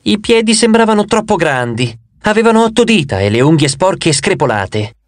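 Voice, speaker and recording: A man narrating an audiobook in the first person, expressive with a wry touch. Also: high voice, normal speed, no echo.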